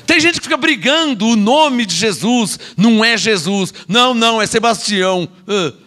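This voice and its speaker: A man's voice: sits high, animated, moderate pace, bright, forceful tone. A man with a Brazilian Portuguese accent preaching a sermon as an apostle, scolding and sarcastic, with mocking asides and repeated words.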